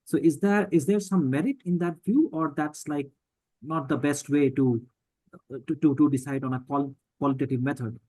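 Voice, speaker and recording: A man participant asks a question over a video call, soft-spoken and hesitant, with many fillers. His voice is mellow and dark, and the sound is dry. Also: fairly high pitch, fairly even intonation, normal speed, no room sound, rough recording. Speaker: summer school participant asking a question. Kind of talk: online Q&A.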